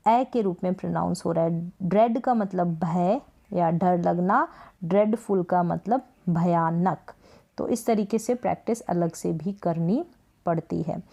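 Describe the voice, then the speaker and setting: Mellow-voiced woman teaching pronunciation. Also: medium pitch. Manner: slow, repetitive word-by-word teaching. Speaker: English teacher. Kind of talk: explaining pronunciation rules.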